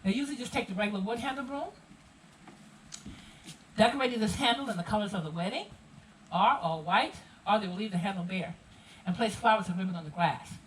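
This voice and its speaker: A woman with a Gullah Geechee Low Country accent giving an animated, rhythmic heritage presentation to visitors, leading call-and-response. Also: fairly quick, pauses often, recorded from a distance, slight background noise, low-quality recording. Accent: Gullah Geechee, South Carolina Low Country. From coastal South Carolina. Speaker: cultural presenter.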